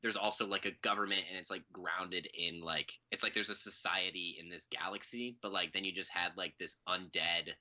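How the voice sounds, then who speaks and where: A man's voice: low-pitched, steady tone, normal speed, hardly any pauses, bright, forceful tone. A man co-hosting a podcast in casual chat, rambling with many fillers and a sarcastic edge. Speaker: podcast co-host.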